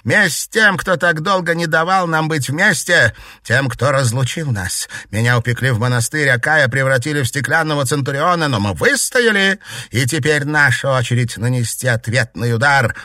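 A man reading an audiobook, voicing a scheming, defiant young woman who snaps and shouts. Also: mid-range voice, moderate pace, no room sound, studio quality, voice pushed up, lightly acted. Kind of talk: audiobook narration.

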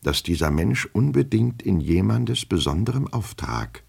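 A man's voice: a bass voice, very animated, normal speed, heavily acted. A man voicing a nervous, fawning official who stammers and pleads, in an audiobook reading. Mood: muttering. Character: nervous, fawning male official, anxious and flustered.

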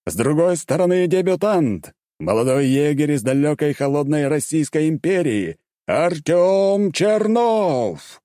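A man voicing a male arena announcer who makes grand, drawn-out proclamations. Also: on the high side, expressive, dark tone, dry recording, studio quality, voice pushed up. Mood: showy.

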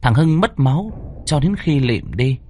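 A man narrating a ghost story from a script, with a dramatic, varied delivery and tense pauses. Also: medium pitch, expressive, darkish tone, slight background noise.

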